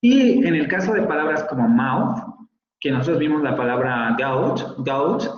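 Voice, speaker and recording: A man's voice: on the high side, animated, a little slow. A man teaching a phonetics class online, explaining patiently and sounding out examples. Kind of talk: online lecture. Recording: roomy, slightly dull video-call audio.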